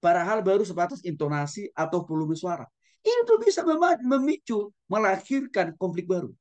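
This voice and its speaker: A male pastor giving a conversational lecture, speaking gently and often turning to address his listeners directly. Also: high voice, sing-song, a little fast. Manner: soft-spoken, gentle. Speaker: pastor and teacher. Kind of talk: conversational Bible-school lecture.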